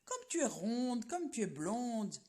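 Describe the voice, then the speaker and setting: A woman voicing a cunning male fox in a children's story, sweet-talking slowly as he pretends to be old and deaf. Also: a little high, very animated, warm tone. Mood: wheedling sly. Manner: sweet-talking, drawn-out and wheedling.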